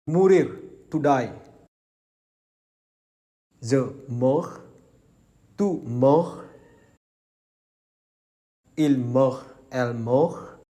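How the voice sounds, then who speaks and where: A man reciting verb conjugations slowly and clearly as a language teacher. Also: medium pitch, dark tone. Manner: slow, deliberate, enunciated recitation. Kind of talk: slow conjugation drill.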